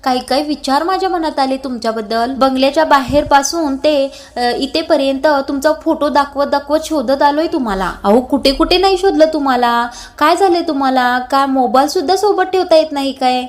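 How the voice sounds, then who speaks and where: A woman voicing a frantic, angry young husband who scolds with rapid questions, in a retold serial scene. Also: sits high, close to an everyday voice. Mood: agitated, scolding.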